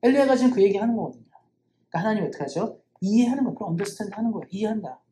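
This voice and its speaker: A woman's voice: mid-range voice, lively intonation, very fast, dark tone, reverberant, slight background noise. A woman pastor preaching a sermon in church in an earnest, conversational way, asking rhetorical questions.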